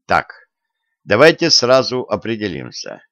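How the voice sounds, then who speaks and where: A man voicing a bold young male prisoner who speaks curtly and with calm self-assurance. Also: fairly low pitch, measured pace, no room sound, muffled recording, full character voice. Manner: curt, self-assured, weary.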